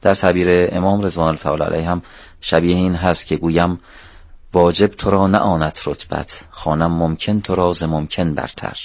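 A man with a low voice presents a religious radio programme. His delivery is formal, courteous and reverent. The sound is close and dry, as in a studio. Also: a little mellow, no room sound. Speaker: radio host.

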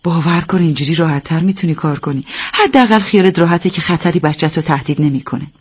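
Brief: woman voicing a firm, level-headed friend, slightly breathy, talking someone down calmly. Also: low voice. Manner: level, reasoning, steadying. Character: calm, firm female friend giving advice.

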